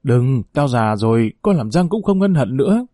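A grieving old village mother pleads and scolds, as a male narrator reads her lines. The voice stays dark and mellow, close and dry, in an audiobook reading. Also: mid-range voice, sing-song, moderate pace, dry recording, faint music behind, natural voice. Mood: pleading. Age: older.

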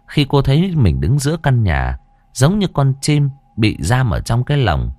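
A man narrating a ghost story in an expressive way, shifting from hushed to lively. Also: mid-range voice, no room sound, clean studio sound.

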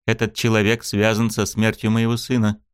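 A man voicing a cold, grieving woman who speaks quietly but firmly in an audiobook. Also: fairly low pitch, completely flat delivery, moderate pace, clean tone, dry recording, studio quality, natural voice. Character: cold, grieving middle-aged woman investigator. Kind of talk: audiobook character voice.

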